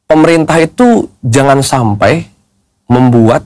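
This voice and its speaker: A man with a mid-range voice chats casually as a podcast host. He talks in an animated way and drops English phrases into his speech. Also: mid-range voice, a little slow, no echo. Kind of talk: casual chat.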